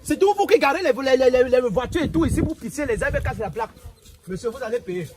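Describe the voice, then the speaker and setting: A bossy young traffic cop, played by a man, barking the same curt orders again and again. His voice sits very high and moves at a quick clip. There is steady outdoor noise around him at a roadside checkpoint. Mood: smug. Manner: stern, insistent, repeats curt orders. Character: young male traffic cop, fresh from training, bossy and officious. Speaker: traffic police officer. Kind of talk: comedy sketch acting.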